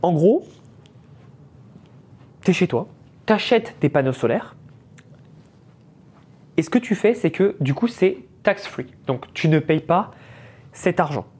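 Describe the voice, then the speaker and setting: A man's voice: fairly high pitch, animated, slow pace, pauses often, darkish tone, slightly rough. A man in his thirties from France, hosting a podcast and telling a story in a casual, chatty way, mixing English business words into his talk. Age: 30s. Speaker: podcast host.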